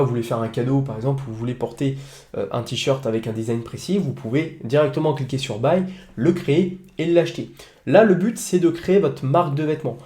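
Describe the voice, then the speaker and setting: A man's voice: mid-range voice, mellow, roomy sound. Young man giving a hesitant screen tutorial. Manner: hesitant, many fillers and restarts. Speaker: online business tutor. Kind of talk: screen-recorded software tutorial. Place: home office with a noisy computer.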